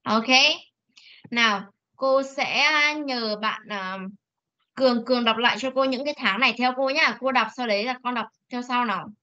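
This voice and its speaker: A woman teaching an online English class, drawing out model words slowly for pupils to repeat. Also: a little high, pushed and bright. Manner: slow drawn-out model words for repetition, coaxing. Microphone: video call. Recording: lo-fi video call audio.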